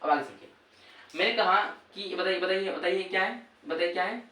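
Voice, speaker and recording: Male teacher in a classroom, call-and-response quizzing; slightly high voice, roomy and distant recording. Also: a little fast, sharp tone. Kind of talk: classroom lesson. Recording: echoey room, voice from far off.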